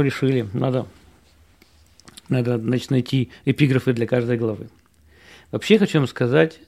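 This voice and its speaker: Gravelly Russian man chatting to viewers. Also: mid-range voice, a little mellow. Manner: rambling, explanatory, demonstrates English pronunciation. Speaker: author and programmer. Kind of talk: casual talk to viewers.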